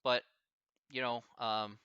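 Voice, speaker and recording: A man's voice: medium pitch, little pitch movement, slow pace, clear, resonant tone, dry recording, muffled recording. A man with a Midwestern American accent, a math professor chatting casually with his students and thinking aloud as he answers their questions.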